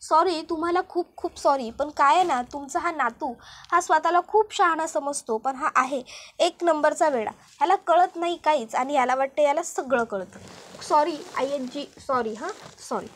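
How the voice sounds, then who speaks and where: A woman's voice: sits high, normal speed. Woman doing a drunk, defiant young wife. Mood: mock apologetic. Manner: slurring, loud ranting.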